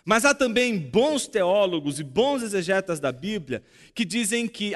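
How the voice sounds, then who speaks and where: A male pastor with a Brazilian Portuguese accent preaches a sermon in a high, animated voice that swoops up and down as he acts out dialogue and asks rhetorical questions. His words ring with the long reverb of a large hall.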